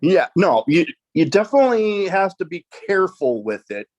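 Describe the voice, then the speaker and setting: A man's voice: high voice, very animated, normal speed, a little mellow, highs cut off. A man hosting a podcast interview, talking casually and hesitantly with many restarts and "you know" fillers. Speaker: podcast host.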